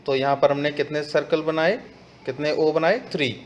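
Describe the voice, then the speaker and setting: A man with an Indian accent teaching an English textbook lesson to schoolchildren. He reads the English lines slowly and explains them in Hindi mixed with English words. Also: fairly high pitch. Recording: slightly dull audio with faint background noise.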